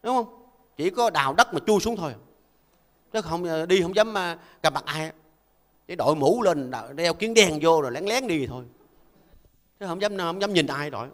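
An older Buddhist monk gives a folksy, conversational dharma talk and keeps asking listeners to agree. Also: male voice, fairly high pitch, animated, normal speed, pauses often, in a large hall. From Vietnam. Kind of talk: conversational sermon.

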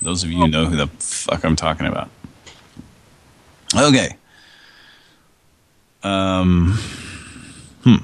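A man hosting a casual radio show, hoarse with a scratchy throat, rambling and meandering as he talks. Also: low-pitched, slow, long pauses, no echo. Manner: rambling, meandering, chuckling often.

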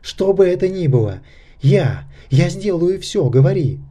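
A man doing a haggard, desperate young man who pleads greedily and urgently. The dark, mellow voice of this audiobook reader stays close to his own, only pushed harder. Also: mid-range voice, animated, slow, slightly rough.

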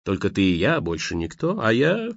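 A man's voice: fairly low pitch, huge pitch swings, normal speed, creaky, no echo, full character voice. A man voicing a sly, taunting dead young man who mocks a woman, on a dull, dry recording. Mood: mocking.

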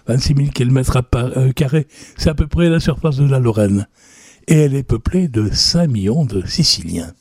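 A man hosting a radio music show, presenting in a relaxed, chatty way, listing facts with small asides. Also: medium pitch, no echo.

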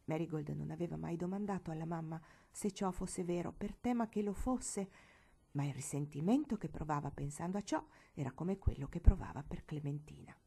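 Woman audiobook reader, mellow, slow measured narration, soft hushed touches. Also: low-pitched, gravelly, husky.

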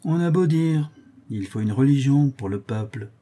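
A man voicing a middle-aged politician who speaks gruffly and impatiently. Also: mid-range voice, expressive, moderate pace, warm tone, close to an everyday voice. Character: middle-aged male politician, smug, irritable.

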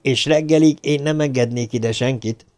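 A man doing a cool, commanding gentleman. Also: mid-range voice, lightly acted. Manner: calm, measured, commanding. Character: cool, composed, elegant older man.

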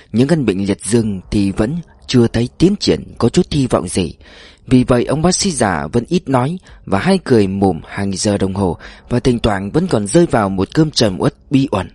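A man narrating a story in a measured audiobook style, slowing down for emphasis. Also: fairly low pitch, lively intonation, darkish tone, husky, no room sound.

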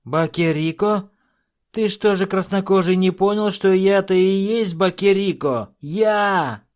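A shrill, shivering little dwarf. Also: male voice, measured pace. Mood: shrill, indignant. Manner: shrill, bleating, exclaiming. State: trembling with cold. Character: shivering, whining little male dwarf gun trader. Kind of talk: audiobook character voice.

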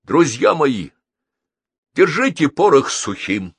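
A man's voice: a little high, sing-song, slow pace, husky, dry recording, pitched above the performer's own voice, exaggerated voice. A man voicing officials delivering a solemn, declamatory farewell speech.

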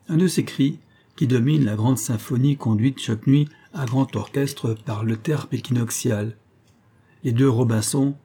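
A man reading an adventure novel aloud as an audiobook narrator, in steady, even storytelling. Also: mid-range voice, breathy edge. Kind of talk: scripted narration.

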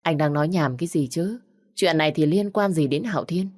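A woman's voice: deep voice, brisk, a little mellow. A woman reading the lines of a young mother who rebuffs a suitor firmly and fusses anxiously over her son. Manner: firm, then anxious toward her child. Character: young mother, firm and protective.

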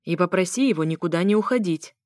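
A woman's voice: fairly low pitch, quick pace, a little mellow, no room sound, studio quality, close to an everyday voice. A woman voicing a smug, sarcastic ex-husband who talks sternly. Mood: mocking. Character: smug, mocking male ex-husband.

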